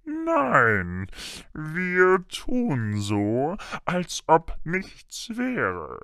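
A man's voice: on the high side, wildly swooping pitch, drawn-out words, vocal fry, a bit bright, dry recording, clean studio sound, pitched above the performer's own voice, exaggerated voice. A man doing a blustering bully of an uncle. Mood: uneasy. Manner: barking, stammering when rattled. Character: blustering, panicky middle-aged uncle, bullying. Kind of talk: audiobook character voice.

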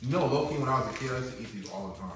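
A man's voice: mid-range voice, expressive, racing, a bit bright. A man hosting a casual taste test, talking with slangy, laid-back phrasing while eating sour candy. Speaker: host of a candy taste challenge. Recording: very echoey room, distant mic, music underneath.

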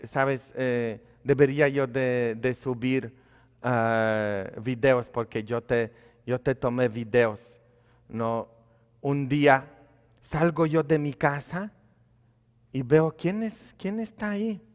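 A male priest with a mid-range voice delivers a conversational sermon, questioning the congregation and alternating soft asides with forceful, emphatic statements. It's recorded in a church, carrying long hall reverb.

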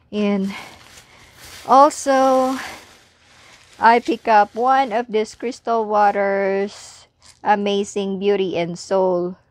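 Slow, sleepy woman vlogger. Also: medium pitch, no echo. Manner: slow and sleepy, with soft laughs and restarts. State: tired, sleepy voice. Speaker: haul vlogger. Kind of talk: casual product show-and-tell.

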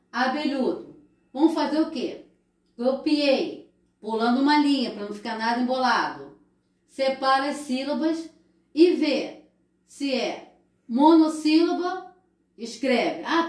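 A middle-aged Brazilian woman teaches young children in a recorded lesson, stretching her words slowly and patiently. Her voice sits a little high. The room gives it a noticeable echo. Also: a little mellow. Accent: Brazilian Portuguese. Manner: slow, patient, drawn-out explaining to children. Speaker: primary school teacher. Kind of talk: recorded remote class lesson. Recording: echoey room.

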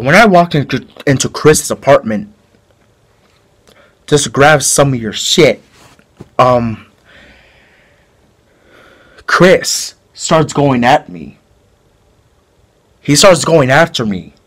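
A man playing a male killer who confesses a brutal fight in a halting, rambling way, in an amateur home-video drama. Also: mid-range voice, a bit bright. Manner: halting, rambling storytelling with restarts.

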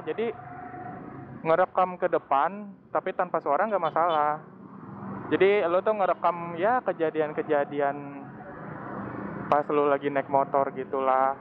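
Traffic and engine noise roar around a young man who rides his motorcycle through the city, chatting in slang and laughing often for his motovlog. His somewhat high voice sounds tinny and phone-like, picked up by a wired earphone mic plugged from his phone into his helmet.

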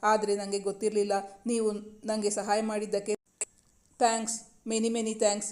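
A woman's voice: medium pitch, completely flat delivery, a little slow, darkish tone, natural voice. A woman reading the lines of a timid young woman who apologizes and thanks her rescuer. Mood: apologetic.

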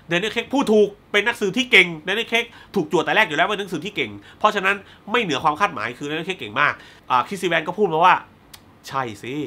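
Here a man reviewing a film talks it through casually, spoilers and all, with a high, bright, forward voice. His tone is blunt and excited; he swears, then apologizes. Scene recaps are peppered with snappy acted-out lines.

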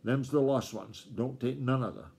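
A man reading a storybook aloud, voicing an excitable old farmer grandfather who talks in a rustic old-time country dialect and snaps and scolds. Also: medium pitch, moderate pace, vocal fry, slightly rough. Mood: eager. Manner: snappish, scolding.

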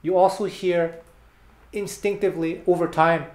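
An animated male guitar teacher with a high-pitched voice speaks at a moderate pace, gesturing with his hands between playing. It's a casual video lesson recorded in a small bare room where he sits with his guitar, picked up by a fixed camera a few meters away with roomy echo.

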